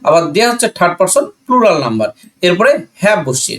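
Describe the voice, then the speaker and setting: This Bangladeshi-accented grammar teacher has a slightly high, fairly bright voice and sounds very animated, talking a little fast. In a methodical classroom style, he raises questions, answers them himself, and circles back to key points with repeated phrases.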